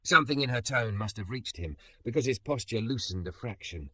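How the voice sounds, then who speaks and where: A man narrating a story in a scripted, expressive reading. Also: mid-range voice, a little fast, slightly rough, no room sound.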